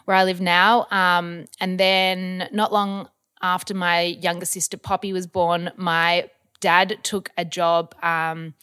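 A woman's voice: fairly low pitch, little pitch movement, takes it slowly, sharp tone, clean tone. A young Australian woman chatting casually as an interview guest, with lots of ums and likes. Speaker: guest, model and influencer.

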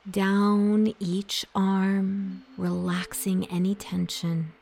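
A woman guiding a relaxation meditation in a soft, soothing voice that drops into a half-whisper. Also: medium pitch, little pitch movement, drawn-out words, creaky. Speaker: meditation guide. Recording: soft music behind the voice.

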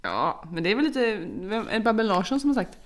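Mom rambling through stories, does little voices for the kids, laughs a lot. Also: female voice, fairly high pitch, sing-song. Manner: chatty storyteller, acts out quotes, laughs often. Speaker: podcast co-host. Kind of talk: casual chat.

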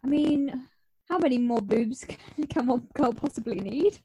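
A woman's voice: high-pitched, mellow, a little hiss or hum, poor audio. A woman co-hosting a casual podcast, dry and laughing as she talks. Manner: dry, laughing, slow and drawn out. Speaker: podcast co-host. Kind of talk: casual chat.

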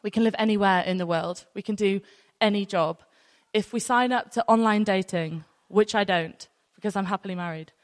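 Speaking live to a church audience in a large hall with long reverb, this woman in her thirties has a British accent and comes from near North Wales. Her medium-pitched voice moves at a moderate pace through an informal, anecdotal sermon full of rhetorical questions.

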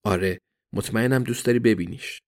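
A man voicing a gentle, earnest man in an audiobook reading. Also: fairly low pitch, no echo, clean studio sound, close to an everyday voice.

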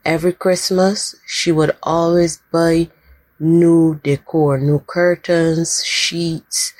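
A woman from Barbados, slowly and gently sharing a personal memory in a recorded message. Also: low voice, little pitch movement, no room sound. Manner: slow, gentle, heartfelt storytelling.

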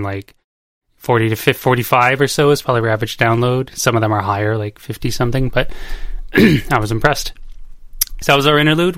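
A man's voice: medium pitch, fairly bright tone, no room sound, clean studio sound. A man hosting a casual podcast chat, out of breath and rambling, laughing often. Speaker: podcast host. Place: home.

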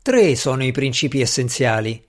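A man's voice: mid-range voice, very animated, moderate pace, close to an everyday voice. A man voicing a sarcastic, sneering male asylum doctor in an audiobook.

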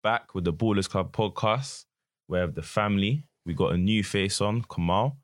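A male podcast host with a deep voice and a London accent. He chats casually in a roadman manner, full of street slang. The sound is dry and close. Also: moderate pace, no room sound. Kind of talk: casual chat.

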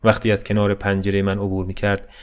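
A man narrating a short story in a measured, subdued reading. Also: lowish voice, monotone, clean tone.

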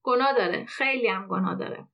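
A woman reading the lines of a soft-hearted village man in a story. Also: a little high, creaky, dull audio. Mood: plain.

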